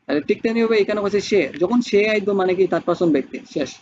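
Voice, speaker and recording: A man's voice: high voice, lively intonation, very fast, a little mellow, dull audio. A man teaching spoken English, who explains step by step and keeps asking rhetorical questions.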